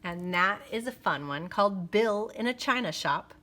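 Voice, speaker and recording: A woman with a mid-range voice gives an expressive, unhurried reading of a children's picture book.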